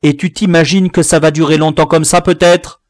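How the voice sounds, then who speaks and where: A man voicing a gruff, furious rural father who swears and shouts at his son. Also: on the high side, sing-song, slow, dry recording, clean studio sound, voice pushed up, full character voice. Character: angry rural French father, gruff, scolding.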